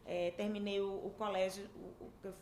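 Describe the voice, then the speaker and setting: Guest: lively Amazonian woman in her fifties, talkative and warm-paced, recorded in an echoey room. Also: medium pitch, moderate pace. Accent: Amazonas Brazilian Portuguese. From Manaus, Brazil. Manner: lively, chatty storytelling with frequent fillers. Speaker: podcast guest, dentistry professor. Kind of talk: casual interview chat. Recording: echoey room, faint background hiss.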